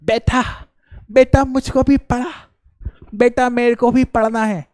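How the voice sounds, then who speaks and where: A man's voice: very high-pitched, steady tone, unhurried, a little mellow, dry recording, clean studio sound, pitched above the performer's own voice. A man voicing a fretful elderly grandfather who cannot read his phone and keeps pleading with his grandson. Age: older. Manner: pleading, repeats "son" over and over.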